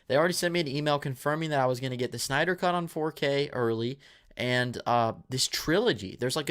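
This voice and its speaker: With a mid-range, slightly bright voice, a man in his twenties hosts a live movie Q&A for his channel. He reads out viewer questions and answers them casually and ramblingly, with fillers, restarts and a dry mouth.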